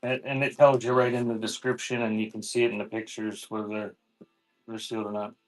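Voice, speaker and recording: A fairly low-pitched man talks a little fast and flatly while selling cassette tapes at a live online auction. The rough recording carries soft background music under his casual, off-the-cuff livestream patter.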